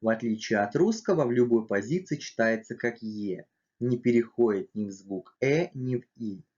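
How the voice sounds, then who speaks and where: A man's voice: medium pitch, expressive, moderate pace, a little mellow, muffled recording. A man narrating a scripted language lesson, carefully spelling out letters and sounds one at a time. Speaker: language teacher.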